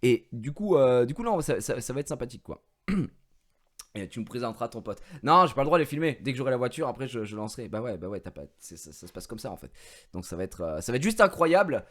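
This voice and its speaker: A young man chatting on his live stream. His pitch leaps around as he tells a story, doing little voices for the people he quotes. He keeps it loose and conversational. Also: sing-song, quick pace, a bit bright. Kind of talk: casual live-stream chat.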